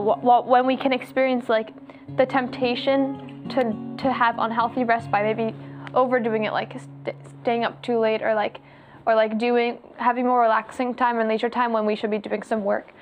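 A woman host with a somewhat high, slightly hoarse voice leads a relaxed faith discussion at normal speed. She rambles chattily, filling her sentences with "like," while plucked guitar music plays clearly beneath her on a lo-fi recording.

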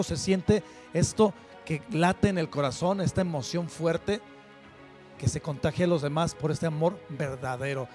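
Fervent man hosting, bright pitch. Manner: fervent, preachy, addresses viewers directly. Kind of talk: earnest spoken commentary.

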